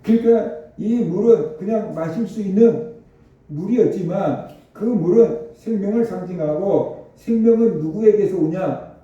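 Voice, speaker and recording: A man's voice: high voice, warm tone, heavy reverb, far from the mic, muffled recording. A male pastor preaching a sermon, explaining Scripture and asking the congregation rhetorical questions. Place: church sanctuary.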